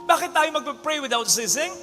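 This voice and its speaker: High, bright-voiced priest preaching. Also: male voice, normal speed. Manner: animated, swings between loud exclamations and hushed lines, mixes English into Tagalog. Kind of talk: sermon with storytelling. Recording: long hall reverb with faint music behind.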